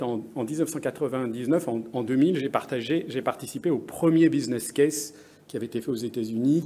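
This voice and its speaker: A man's voice: medium pitch, darkish tone, slightly rough. A middle-aged man from France whose French carries an American English accent, giving a conference presentation with many fillers and restarts. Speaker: conference speaker. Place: conference room.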